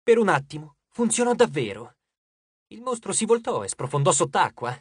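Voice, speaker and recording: An audiobook narrator giving a lively, dramatic scripted reading on a close studio mic. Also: medium pitch, normal speed, husky, dry recording.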